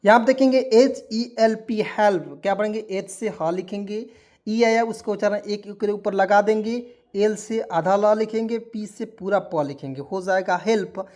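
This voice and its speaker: A man's voice: sits high, moderate pace, darkish tone. A man teaching a beginner online lesson, spelling words out letter by letter, repeating each point and quizzing his listeners with rhetorical questions while calling them friends. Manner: keeps addressing listeners as friends.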